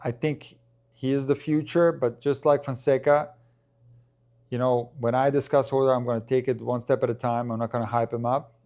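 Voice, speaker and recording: A man's voice: mid-range voice, little pitch movement, moderate pace, darkish tone. A man with a mid-range voice talks casually to his live-stream viewers. He rambles, restarts sentences and fills gaps with ums as he answers questions. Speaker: tennis coach and live-stream commentator.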